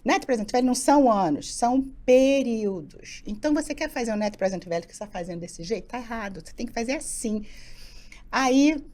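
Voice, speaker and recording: A fairly high, very lively woman's voice, middle-aged and quick. She tells career stories as an interview guest and keeps slipping into the voices of people she quotes. Her delivery is animated and conversational. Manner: animated, acts out quoted dialogue. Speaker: guest, executive coach. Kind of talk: casual interview storytelling.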